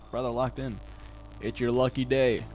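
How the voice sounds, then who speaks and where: A man's voice: medium pitch, little pitch movement, unhurried, a little mellow, slight background noise. A man reading game text aloud and commenting casually with wry asides. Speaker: gameplay host.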